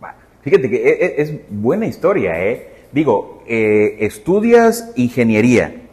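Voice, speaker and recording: A man's voice: mid-range voice, big pitch swings, unhurried, a little mellow, big-room sound. A man hosting a podcast, chatting in a friendly way with a guest and laughing easily. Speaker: podcast host. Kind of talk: casual interview.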